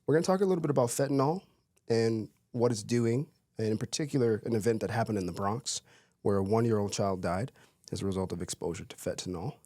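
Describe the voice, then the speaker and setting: Playful man host with a low, dry voice. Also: fast, dark tone, no room sound. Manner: playful, joking, upbeat. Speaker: podcast host. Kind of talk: casual podcast talk.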